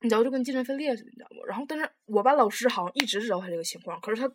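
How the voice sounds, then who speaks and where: A young woman, telling a story in casual chat, rambling and animated with lots of restarts. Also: a little high, rapid-fire. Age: young adult.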